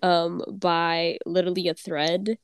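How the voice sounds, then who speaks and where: A woman's voice: fairly low pitch, level tone, a little slow, clean tone, no echo, studio quality. A teenage girl with a congested cold voice, chatting and giggling as a podcast co-host. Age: teens. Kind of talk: casual chat.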